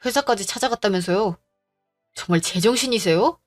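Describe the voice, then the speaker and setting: A woman voicing a gentle, earnest young man in a drama, speaking apologetically to his fiancée. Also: medium pitch, a little fast, faint music behind, lightly acted. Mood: reproachful. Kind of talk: Korean audio drama acting.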